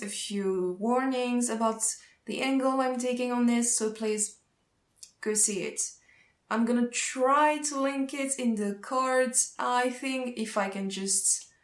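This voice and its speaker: A young Swiss woman, a social work student whose first language is French, explains a topic in English for an informational vlog. Her fairly high voice carries a Swiss French accent and sounds roomy, and she speaks earnestly, pausing to find words.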